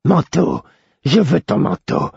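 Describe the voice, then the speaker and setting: A man voicing a hollow, malevolent feral woman who speaks in slow, flat, halting words. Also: low voice, slightly rough, dry recording, lo-fi sound, heavily acted. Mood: greedy.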